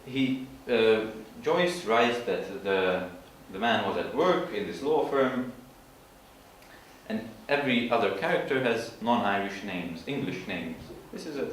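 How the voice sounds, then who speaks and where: A man giving an informal literature presentation, explaining in a halting way and searching for his words. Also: fairly low pitch, lively intonation. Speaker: student presenter. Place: large room at an evening school event. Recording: echoey hall from far off, faint noise.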